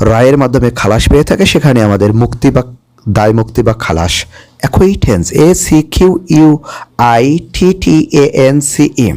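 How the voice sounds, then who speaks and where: A man's voice: mid-range voice, a little mellow. A man teaching an English spelling lesson, spelling each word out letter by letter and explaining its meaning. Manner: spells words letter by letter, slow and careful; explains Bengali meanings, checks with "okay?".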